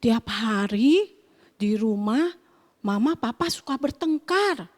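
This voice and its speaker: A woman voicing a sad little child close to tears, speaking in a plaintive, halting way. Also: on the high side, expressive, big-room sound, pitched below the performer's own voice.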